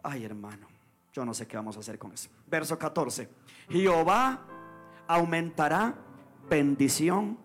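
A man preaching a fervent sermon as pastor, calling on the congregation to repeat after him and rising loud as he reads scripture. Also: fairly low pitch, fairly quick. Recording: soft guitar music behind.

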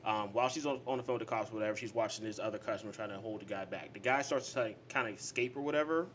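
A man's voice: fairly low pitch, racing, fairly bright tone, a little hiss or hum. A young man co-hosting a casual podcast, swearing freely and laughing through his stories. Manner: profane, laughing storyteller. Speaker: podcast co-host.

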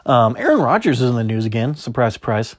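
A man's voice: mid-range voice, very animated, fast, dry recording. Chatty young man, dry close mic. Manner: rambling, self-correcting, chatty. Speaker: podcast host. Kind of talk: solo podcast sports chat, reading news aloud.

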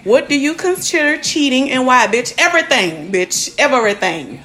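A woman's voice: sits high, expressive, normal speed, fairly bright tone. A woman hosting a casual podcast chat, brash and profane as she reads listener questions. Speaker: podcast host.

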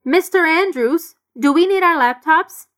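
A woman's voice: very high-pitched, a bit bright. A Brazilian woman teaching English to Portuguese speakers, explaining grammar and having the listener repeat phrases after her. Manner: slow, deliberate modeling of English phrases. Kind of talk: language lesson with repeat-after-me drills.

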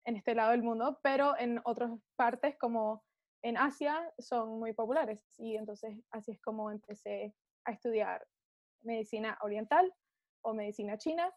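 A young woman, a Chinese medicine student appearing as a podcast guest, speaks hesitant Spanglish in a casual interview, searching for words since she's more at ease in English than Spanish. Her fairly high voice moves at a normal speed with no echo.

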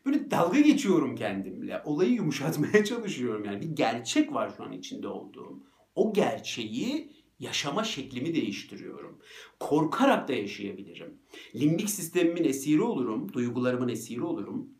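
A man giving a motivational talk, telling a personal story in a joking, animated way and acting out what was said. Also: mid-range voice, brisk. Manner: animated, laughing at his own story, acts out quotes. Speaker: motivational speaker. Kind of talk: storytelling monologue. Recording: roomy echo.

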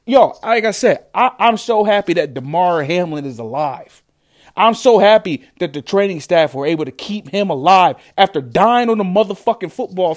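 A man ranting angrily and profanely about his football team's losses, repeating himself as he vents. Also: high voice. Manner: angry, profane, repetitive. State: upset. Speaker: sports fan ranting. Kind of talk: profane sports rant.

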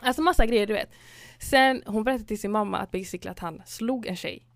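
A woman chatting casually, retelling a story and acting out both sides, mixing English phrases into her tinged talk. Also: mid-range voice. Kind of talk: casual chat.

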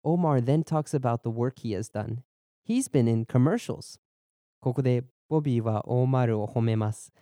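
Warm and mid-range, the voice belongs to a young German-born man who grew up in Boston and teaches languages on a podcast. His bilingual Japanese and English narration is clear and measured, slowing for drills, in studio-quality sound with no room tone.

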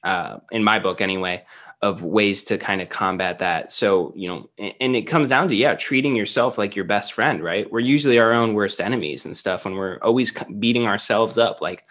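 A man's voice: fairly low pitch, normal speed, a bit bright. A man talking as a podcast guest in casual conversation, hesitant and full of fillers as he thinks aloud. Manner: hesitant, many fillers and restarts.

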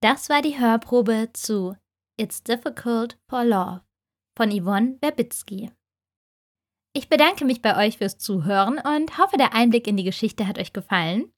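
A woman hosting a book podcast, reading a novel excerpt aloud in a steady, clear way. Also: a little high, unhurried. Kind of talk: audiobook reading and podcast outro.

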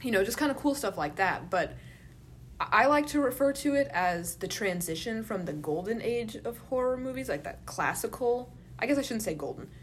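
A woman's voice: fairly high pitch, lively intonation, normal speed, slight background noise. Chatty young woman podcast co-host. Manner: chatty, says "like" and "you know" a lot. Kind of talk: casual film chat.

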